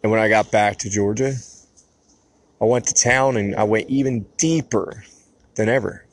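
A man's voice: on the low side, steady tone, moderate pace. A man in his thirties hosting a podcast, telling a personal story in an earnest, emotional, rambling way. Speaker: podcast host.

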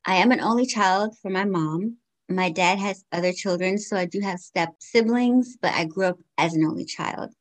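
A podcast guest in her forties, born in Guyana and raised in the United States, answers interview questions thoughtfully and candidly. Her voice sits at a medium pitch and moves at a moderate pace.

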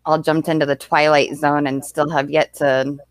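A woman's voice: sits low, level tone, normal speed, dry recording. A young woman from the United States hosting a livestream, chatting in a rambling way and often thanking viewers. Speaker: livestream host. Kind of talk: casual stream chat.

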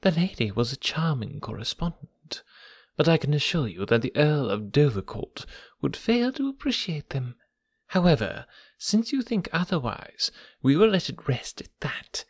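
A man voicing a smug, oily gentleman blackmailer in a soft, breathy, half-whispered purr, silky and mocking. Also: a little high, very animated, normal speed, dry recording, clean studio sound, voice pushed up, full character voice. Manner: silky and mocking, lingering on words. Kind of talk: audiobook character reading.

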